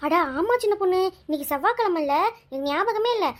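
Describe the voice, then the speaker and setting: A woman's voice: extremely high pitch, animated, fast. A woman voicing a forgetful village woman who frets about a meeting. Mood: fretful. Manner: fretful village chatter. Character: village woman, elder sister figure, forgetful.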